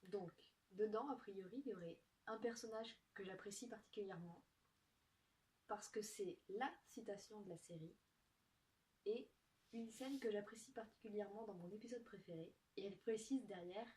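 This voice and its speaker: A young woman chatting casually to camera as she opens gifts, soft-spoken and giggly, thinking aloud. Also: mid-range voice, moderate pace. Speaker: vlogger opening gifts. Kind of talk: casual unboxing chat to camera. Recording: distant mic with faint noise.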